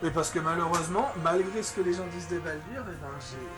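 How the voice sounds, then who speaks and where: A man with a high voice gives casual, rambling commentary as a game streamer. Clear game music plays behind him. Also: fast talker. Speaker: video game streamer and channel host. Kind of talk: casual gameplay commentary and chat. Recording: voice over loud game music. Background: video game battle music.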